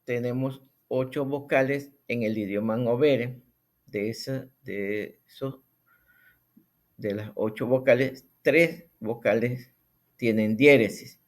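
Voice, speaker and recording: A man teaching a recorded language lesson at an unhurried pace. His delivery is deliberate and patient, and he repeats each sound several times so learners can copy it. His pitch sits in a middle range. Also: fairly even intonation, a little mellow.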